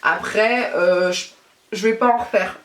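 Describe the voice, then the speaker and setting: A woman's voice: mid-range voice, measured pace, distant mic, a little hiss or hum. A woman from France chatting casually in a beauty vlog, rambling on as she does her makeup. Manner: rambling, talks while doing her makeup. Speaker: beauty vlogger. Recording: echoey room, voice off-mic.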